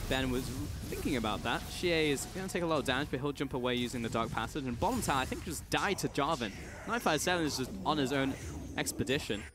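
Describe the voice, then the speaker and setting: A man doing live play-by-play commentary of an esports match, with an excitable manner. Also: medium pitch, fast, noisy background.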